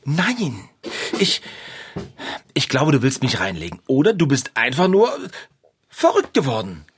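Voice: mid-range voice, wildly swooping pitch, a little slow, slightly rough, heavily acted. An actor voicing a nervous, stammering, doubting boy in a children's radio play. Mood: doubtful.

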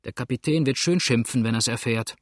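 A reproachful, greedy boatman who keeps grumbling, as a male narrator puts him on. His voice sits at an ordinary pitch, read close and dry. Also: brisk, dry recording, close to an everyday voice. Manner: complaining and reproachful.

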